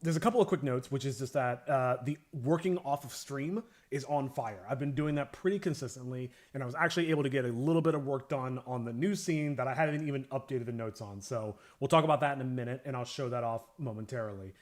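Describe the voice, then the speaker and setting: A man's voice: medium pitch, fast, few pauses. Male streamer, casual rambling host, mid-range voice, jokey asides. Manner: rambling, joking, lots of fillers. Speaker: animator streamer. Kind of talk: casual livestream chat.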